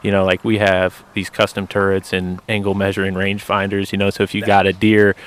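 A man's voice: sits low, completely flat delivery, a little fast. A man hosting a casual podcast chat, recorded outdoors by a campfire. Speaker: podcast host. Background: running generator.

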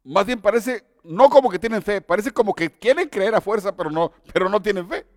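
A man's voice: high-pitched, lively intonation, fairly quick, no room sound, studio quality, big-room sound. A man preaching a sermon and telling his own testimony, earnest and exhorting.

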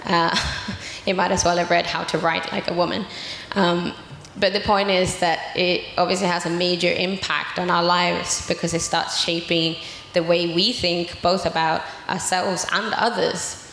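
A woman lecturing in a measured, explanatory manner in an echoey room. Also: lowish voice, flat delivery, vocal fry, a bit bright, slight background noise. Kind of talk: presentation talk.

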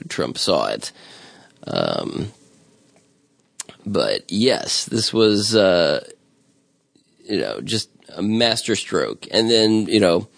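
Deep, gravelly man chatting casually. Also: fairly bright tone, no echo. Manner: rambling, many fillers and restarts, amused. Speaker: podcast host. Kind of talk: casual chat.

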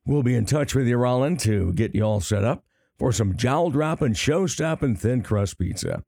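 A man in his sixties with a raspy, gravelly voice, hosting a podcast in a conversational style. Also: medium pitch, animated, normal speed, mellow, dry recording. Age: 60s. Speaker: podcast host.

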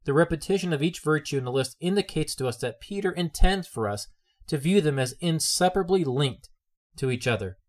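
A man's voice: on the high side, lively intonation, brisk. A man preaching a sermon in an earnest way, often repeating his phrases for emphasis.

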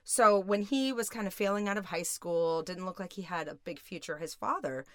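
A woman's voice: lowish voice, moderate pace, no room sound, studio quality. A middle-aged woman speaking as an expert guest, explaining things conversationally in an interview. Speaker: guest expert, criminal psychologist.

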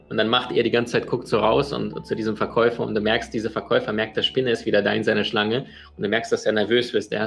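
Male storyteller, coach type, gravelly mid-range voice, animated anecdote delivery with faint music underneath. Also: mid-range voice. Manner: lively storyteller who acts out the people he quotes.

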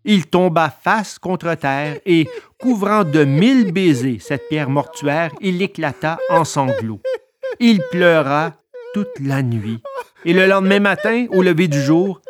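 A woman narrating a storybook reading in an expressive, animated way. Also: low-pitched, slow.

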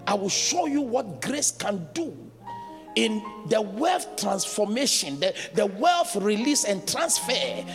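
A man's voice: sits high, sing-song, takes it slowly. A man preaching a sermon as a bishop, telling stories with laughs and call-outs to the congregation. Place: large church hall. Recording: long church reverb, faint music.

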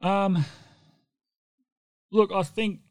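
A man in a casual sports discussion as an analyst, qualifying his opinions in a measured way. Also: sits high, steady tone, dry recording, studio quality. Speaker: basketball show co-host and analyst.

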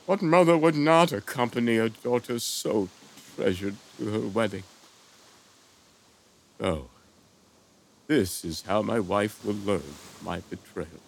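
A man's voice: lowish voice, slow pace, vocal fry, long pauses, a little hiss or hum. An actor playing an anguished king torn over his daughter, in a declamatory, grief-stricken stage delivery for an audio drama. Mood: brooding.

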